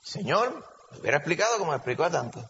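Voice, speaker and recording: Puerto Rican preacher in a big reverberant hall. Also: male voice, on the high side, expressive, rapid-fire, vocal fry, a bit bright. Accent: Puerto Rican Spanish. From Puerto Rico. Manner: conversational, asks the congregation questions. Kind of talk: sermon. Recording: dull lo-fi recording with long reverb and faint hiss.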